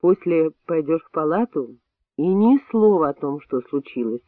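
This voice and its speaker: Man playing a calm firm doctor. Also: fairly high pitch, normal speed, dry recording, close to an everyday voice. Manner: quiet, weighty, reasoning. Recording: dry, tinny phone-like sound.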